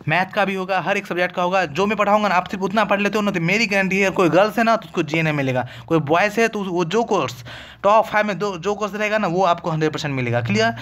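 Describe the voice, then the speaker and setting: A man's voice: sits high, fast, fairly bright tone. A man teaching an online exam-prep lesson in a casual, chatty way, often checking whether his students follow. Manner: talkative, keeps asking "clear?".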